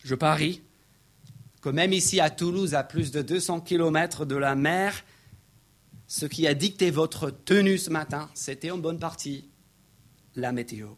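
A man preaching a sermon, reading verses aloud and building to excited, emphatic peaks. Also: fairly high pitch, unhurried, pauses often. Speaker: pastor.

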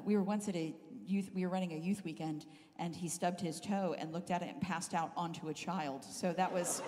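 Speaking as a guest preacher in a church hall, a middle-aged woman delivers a humorous storytelling sermon about herself, full of animation, self-deprecation and frequent laughter. Her voice is mid-range, her Southern Californian accent mellowed by years living in the UK, and the live recording has hall reverb.

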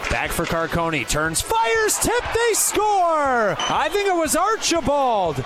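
A man giving rapid, excited hockey play-by-play as an announcer, raising his voice to a shout. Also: very high voice. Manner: excited shouting on goal calls. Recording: loud crowd noise, arena broadcast clip. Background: loud arena crowd.

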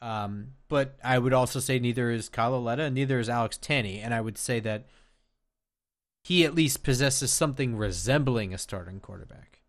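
A man co-hosting a casual sports podcast, measured and hedging, with many fillers and restarts. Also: mid-range voice. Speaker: podcast co-host.

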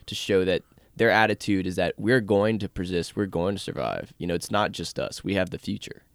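Young male podcast co-host, low voice, dry sound, relaxed and enthusiastic. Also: a little fast, vocal fry, no room sound. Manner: relaxed, enthusiastic, says "like" often. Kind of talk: casual chat about a TV show.

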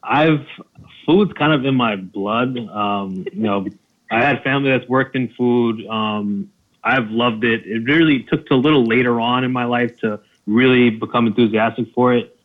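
A man chatting casually as a guest about food vlogging, relaxed and laughing often. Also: mid-range voice, normal speed. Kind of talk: casual chat. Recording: tinny phone-like line.

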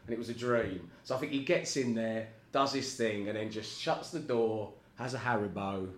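A man's voice: on the low side, normal speed. A man in casual chat as a guest, rambling and self-deprecating, often laughing at himself. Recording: echoey room with faint ambience.

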